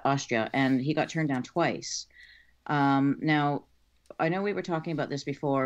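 Rambling woman guest explaining, lo-fi. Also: very deep voice. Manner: explanatory, with frequent ums and restarts. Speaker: guest expert on art crime. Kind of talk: casual interview explanation. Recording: slightly dull lo-fi audio.

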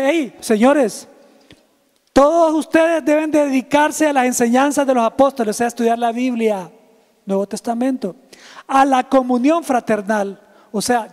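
A male pastor, preaching a livestreamed sermon in a lively, teasing way and calling out to chat viewers. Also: very high-pitched, big-room sound.

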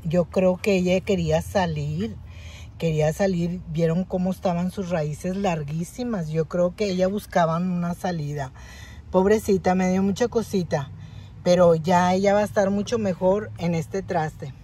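A woman's voice: lowish voice, warm tone, slight background noise. A woman talking casually in a home gardening vlog, fussing tenderly over a plant and often telling viewers to look. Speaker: gardening vlogger.

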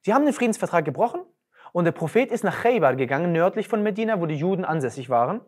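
A woman's voice: fairly low pitch, big pitch swings, fast talker, a little mellow, breathy edge. A woman giving a religious lecture, emphatic and firing off rhetorical questions.

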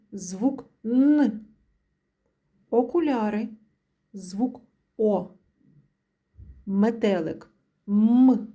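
A woman teaching young children their letters, sounding each letter out slowly and praising them often. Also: fairly high pitch, dark tone. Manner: slow, drawn-out sounding of letters; praising, encouraging. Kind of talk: children's literacy lesson.

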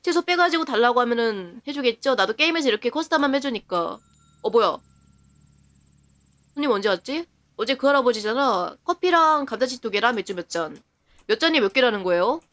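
A woman's voice: a little high, expressive, a bit bright. A woman streamer giving live commentary on a game, chatting to herself and laughing often. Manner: reacts to the game with quick surprised remarks.

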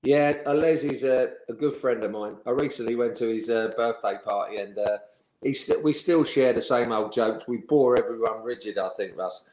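A man, a former footballer telling lively anecdotes in an interview and chuckling as he goes. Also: mid-range voice, normal speed. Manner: lively storyteller, chuckling, acts out the people he quotes. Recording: echoey room.

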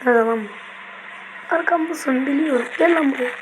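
High-voiced rough taunting play-actor, noisy recording. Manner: rough, taunting, quick back-and-forth lines. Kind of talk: casual play-acting of a fight scene. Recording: noisy amateur home recording.

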